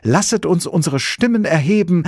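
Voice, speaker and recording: A man reading a story aloud and voicing a wide-eyed law student who preaches loudly during his exam. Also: medium pitch, sing-song, moderate pace, breathy edge, no room sound, clean studio sound, voice pushed up. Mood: fervent. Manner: loud, fervent, sermon-like declaiming.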